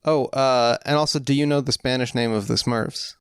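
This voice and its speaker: A podcast co-host chats casually, cracking jokes and rambling off onto tangents. His medium-pitched voice stays fairly even at a moderate pace. The tone is clean, with no room sound and clean studio audio.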